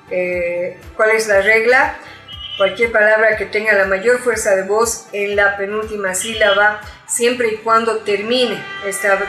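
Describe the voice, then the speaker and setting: A woman's voice: mid-range voice, fairly bright tone. Patient woman teacher, roomy echo. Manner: patient, explains step by step with examples and asides. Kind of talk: spoken lesson. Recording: roomy echo with faint music.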